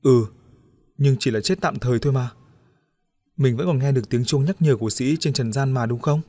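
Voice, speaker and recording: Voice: medium pitch, moderate pace, mellow, no echo, clean studio sound, lightly acted. A man voicing a brave young friend in an audiobook story who reassures the others. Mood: reassuring.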